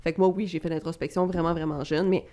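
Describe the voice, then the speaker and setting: A young woman with a Québécois French accent, co-hosting a podcast in casual, animated, teasing chat. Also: lowish voice, fast. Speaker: podcast co-host, coach.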